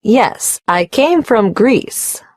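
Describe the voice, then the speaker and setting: A woman playing a slow-spoken, polite applicant. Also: a little high, animated, darkish tone, dry recording, heavily acted. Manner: polite, careful answers. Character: polite female applicant in her late 30s, unmarried. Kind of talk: scripted exam dialogue.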